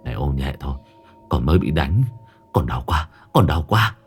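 A man voicing a possessed stranger who speaks as a dead soldier's spirit in a low, pained, hushed voice. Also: animated, normal speed, soft background music. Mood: pained pleading.

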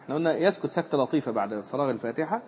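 Animated and rapid-fire, a man with a darkish tone teaches Islamic jurisprudence, reading out lines from a classical text and explaining them with lots of repetition and fillers. The recording is muffled and low in fidelity, with faint background noise.

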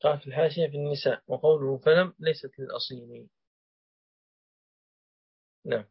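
A man's voice: on the high side, fairly even intonation, brisk, husky, no echo. A man teaching a hadith collection, quizzing his student and then explaining each point at length. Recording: dull lo-fi recording.

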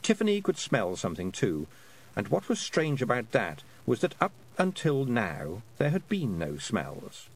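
Animated man reading a storybook. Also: mid-range voice, unhurried, slightly rough, low-quality recording. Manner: expressive storytelling delivery. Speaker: audiobook narrator. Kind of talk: scripted audiobook narration.

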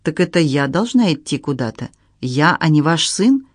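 A man's voice: a little high, very animated, moderate pace, no room sound, clean studio sound. A man voicing a hurt, indignant young stepdaughter who speaks reproachfully.

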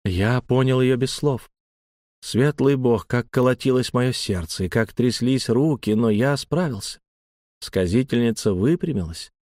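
Male audiobook narrator, calm, even, mid pitch, dry close recording. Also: measured pace, dry recording. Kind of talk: first-person scripted narration.

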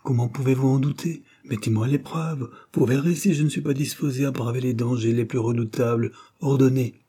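A man reading aloud, voicing an earnest, cautious young man who reasons in a measured way. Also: mid-range voice, fairly even intonation, dark tone, slightly rough, pitched above the performer's own voice.

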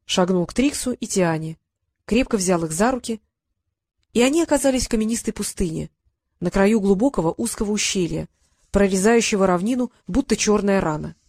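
A woman narrates a fantasy story in a steady storytelling voice. Her pitch sits in the middle. The recording is dry and close, with no room sound. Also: brisk, no echo. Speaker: audiobook narrator. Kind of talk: scripted narration.

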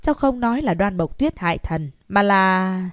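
A cheerful young man talks smoothly and coaxes an elder, as a woman reader voices him. The pitch is mid. The recording is dry and close. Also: expressive, moderate pace, dry recording, lightly acted. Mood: coaxing. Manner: coaxing, pleading.

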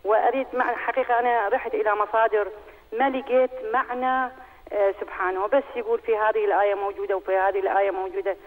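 A woman caller asking a question over the phone, speaking in a halting way and slowing down as she reads verses aloud. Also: mid-range voice, level tone. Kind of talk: phoning in a question. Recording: tinny phone line with long hall echo.

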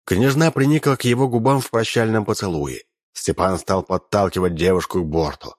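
A man narrating an audiobook, reading with lively energy and raising his voice for the characters' shouts. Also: fairly low pitch, fairly quick, no echo, studio quality.

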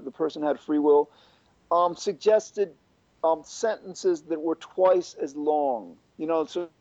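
Man on a video call whose dull, lo-fi audio glitches and cuts out. His voice sits a little high but sounds mellow and warm, close and dry. He speaks haltingly and repeats words often. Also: gravelly, no room sound. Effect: glitchy audio that keeps cutting out. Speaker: discussion participant. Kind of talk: casual group discussion.

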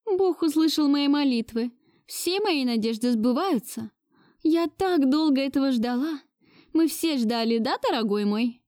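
A woman's voice: expressive, unhurried, a little mellow, dry recording, studio quality. A woman voicing a domineering, wealthy old grandmother who scolds in an imperious tone. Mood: triumphant. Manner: shrill, imperious reproach. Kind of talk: audiobook dialogue reading.

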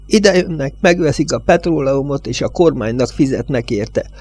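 A man reading an audiobook voices an angry, fearful old village judge who complains in a high, bleating voice. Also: expressive, a little mellow, breathy edge. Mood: grumbling.

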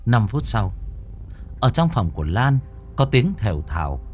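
A man narrating a horror story in a slow, suspenseful storytelling manner. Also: fairly low pitch, sing-song, faint music behind.

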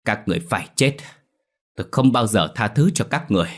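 A man voicing the vengeful female ghost of a young nurse, rasping and tearful, in a spoken horror story. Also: sits low, lively intonation, normal speed. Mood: furious. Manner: rasping, wailing, then tearful.

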